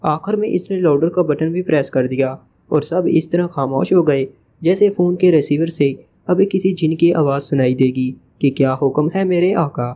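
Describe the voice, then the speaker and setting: A man narrating a novel as an audiobook in a steady reading voice. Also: fairly high pitch, normal speed. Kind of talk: scripted narration.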